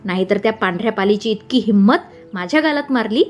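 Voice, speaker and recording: A cheeky young male assistant who pouts and teases his boss, as a woman reads him in a storybook. His lines sit a little above her narration, with soft music far behind. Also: medium pitch, expressive, brisk, natural voice. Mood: teasing. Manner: teasing, pouting.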